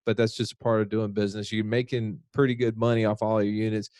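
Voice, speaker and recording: A man's voice: fairly low pitch, little pitch movement, fast, darkish tone, dry recording, studio quality. A man hosting a podcast interview, recapping the guest's story and acting out what he thought. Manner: recaps the guest's story, acts out inner voices. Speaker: podcast host. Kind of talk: casual interview.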